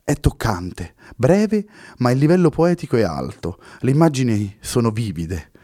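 A man's voice: medium pitch, very animated, moderate pace, dark tone, no room sound, clean studio sound. A man doing a courtly, enthusiastic old poet. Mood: delighted.

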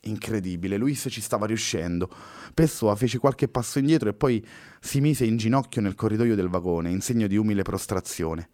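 A man reading a novel aloud in a steady storytelling manner. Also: on the low side, moderate pace, no room sound, studio quality. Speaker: narrator. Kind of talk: audiobook narration.

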